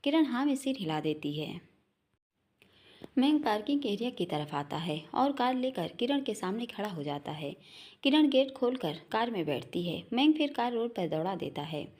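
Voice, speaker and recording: A woman storyteller narrating a romantic family story, expressive and speaking straight to her listeners. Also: mid-range voice, normal speed.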